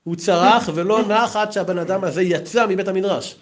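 A man giving an anecdotal memorial talk as a yeshiva teacher, telling stories in a lively way. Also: high voice. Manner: lively, storytelling, acts out quotes.

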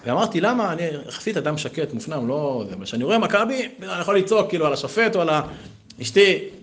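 Animated man teaching a lesson, slightly high voice. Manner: animated, conversational, lively asides. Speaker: yeshiva teacher. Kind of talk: Torah lesson with personal stories.

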